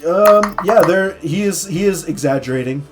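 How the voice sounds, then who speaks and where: A man narrates a tabletop game in a casual way as its game master. His voice is a touch higher than most men's. Soft music plays behind him. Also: animated, moderate pace. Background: faint music.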